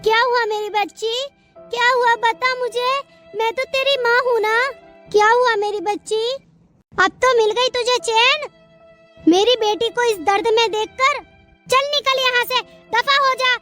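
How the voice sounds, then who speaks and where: Brief: a voice actor as a protective cartoon mother, very high voice, soft reassurance. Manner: soothing to her child, resentful to elders. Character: doting mother, defensive of her own daughter. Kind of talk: cartoon story voice acting.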